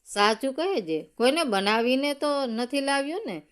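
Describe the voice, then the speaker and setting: A woman voicing a poor male farm laborer who talks in a folksy, gently joking way. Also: high-pitched, expressive, moderate pace, smooth. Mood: humble, teasing.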